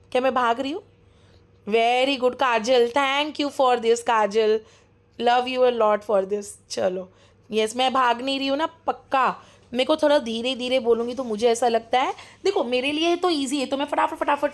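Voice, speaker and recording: A young woman teaching a live online class, chatty and encouraging, mixing English into her speech and often checking that students are following. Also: sits high. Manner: talks fast, keeps checking students follow. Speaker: online course mentor.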